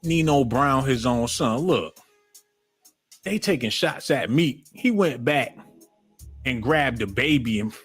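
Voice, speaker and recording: A man's voice: medium pitch, expressive, takes it slowly, pauses often, slightly rough, soft background music. A male host giving mocking, profane comedic commentary on a stream.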